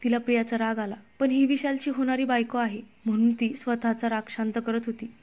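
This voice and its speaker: Woman, story narration, steady, somewhat high, lo-fi sound. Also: a little fast.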